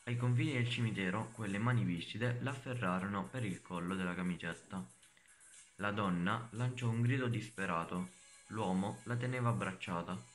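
A man with a low voice reads a horror story aloud in an even, plain way. Faint music plays behind him. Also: moderate pace. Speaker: student reader.

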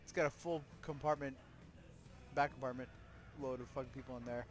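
A man's voice: medium pitch, steady tone, a little fast. A young man recording his gaming session with friends, laid-back, swearing and giggling. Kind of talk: casual gaming chat. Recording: music playing behind.

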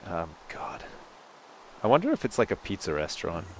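A man's voice: low voice, huge pitch swings, moderate pace, slight background noise, rough recording. A man co-hosting a gaming video with casual, jokey commentary, rambling, swearing and playing up the drama.

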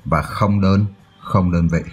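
Slow, low-voiced husky male tutor. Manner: checks in often with "được chưa?". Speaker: math tutor. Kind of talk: explaining a math exercise.

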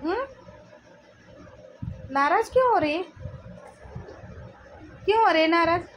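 High-voiced woman softly coaxing a pet. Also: expressive, takes it slowly, a little hiss or hum, poor audio. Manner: soft, repetitive coaxing. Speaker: vlogger talking to her cat. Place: home indoors.

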